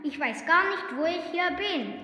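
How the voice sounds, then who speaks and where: Fields: Figure: cheerful boy in a hole voiced by a woman. Pitch: very high. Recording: echoey, long reverb, music. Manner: sing-song calls. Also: animated, normal speed, sharp tone, heavily acted. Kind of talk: children's audio story.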